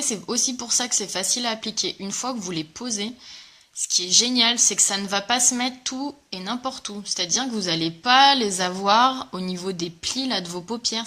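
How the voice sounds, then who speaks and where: Her medium-pitched voice sounds pushed and bright as she hosts a casual live makeup tutorial. She chats enthusiastically with viewers, greeting them while she demonstrates, and her speech is full of fillers.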